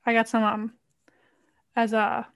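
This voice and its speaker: A woman's voice: fairly high pitch, completely flat delivery, unhurried. A young woman guest on a podcast, talking in a dry, sarcastic way. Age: young adult. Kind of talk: casual chat.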